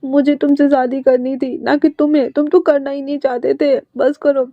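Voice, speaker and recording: A woman's voice: high-pitched, level tone, normal speed, no room sound, voice pushed up. A woman voicing an emotional, clingy teenage boy who sounds tearful and whiny, in a dry, slightly muffled recording. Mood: pouty.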